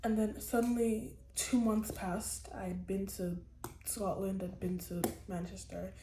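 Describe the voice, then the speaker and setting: A woman's voice: medium pitch, level tone, a little slow, roomy sound, noisy background. A teenage girl chatting casually to the camera, telling a rambling personal story with many restarts. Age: teens. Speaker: vlogger. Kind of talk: casual chat.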